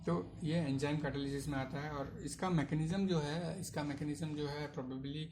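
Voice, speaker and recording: A man teaching a chemistry lesson in Hindi, mixing in English terms. He keeps asking the class questions, answers them himself, and fills pauses with hesitations. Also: a little high, steady tone, darkish tone, slight background noise. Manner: asks questions then answers them, frequent "है ना" tags; hesitant fillers. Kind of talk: online chemistry lecture.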